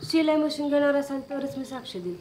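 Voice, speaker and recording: A woman's voice: sits high, expressive, fairly quick, darkish tone, slight background noise. An actress playing an anxious woman who is pushed to give false testimony and who hesitantly murmurs her words over and over. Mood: murmuring. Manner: hesitant, rehearses phrases under her breath. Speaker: reluctant witness. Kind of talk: film drama.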